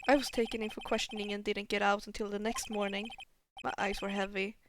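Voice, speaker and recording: A woman's voice: mid-range voice, level tone, quick pace, noisy background. A woman streamer reading game narration aloud, laughing often between lines. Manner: laughs often, reads unhurriedly.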